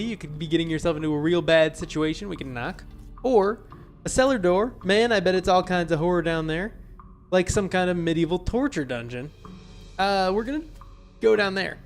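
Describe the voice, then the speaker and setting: A man playing a video game, reading its text aloud with wry, deadpan asides. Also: high-pitched. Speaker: let's player.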